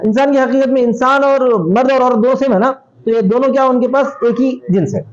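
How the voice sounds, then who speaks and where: A man teaching Islamic legal theory, reading Arabic lines aloud, then explaining them and quizzing his students. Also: very high-pitched. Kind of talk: classroom lecture on a text. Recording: dull lo-fi recording.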